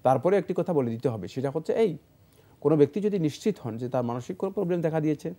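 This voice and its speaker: Man, scholarly studio answers, mellow warm tone, measured delivery with fillers. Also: fairly high pitch, lively intonation. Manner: measured, explanatory, many fillers. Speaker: Islamic scholar answering questions. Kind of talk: studio Q&A explanation.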